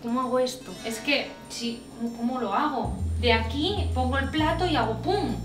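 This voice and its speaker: A woman with a Spanish accent from Spain, chatting excitably to viewers while cooking in her kitchen. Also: high-pitched, normal speed, far from the mic. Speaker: cooking vlogger. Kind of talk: casual cooking demonstration. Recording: echoey kitchen with music behind.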